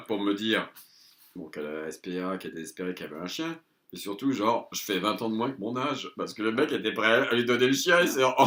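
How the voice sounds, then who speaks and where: A middle-aged man telling a comic story about his mother, lively and often laughing as he talks. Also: mid-range voice. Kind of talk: comic anecdote told to a listener. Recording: echoey room.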